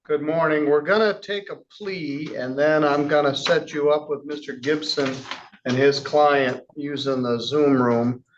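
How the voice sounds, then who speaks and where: A man presiding as a judge in a courtroom, reading charges in a measured, formal way with casual asides. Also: a little high, steady tone, muffled recording, slight background noise. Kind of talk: courtroom proceedings.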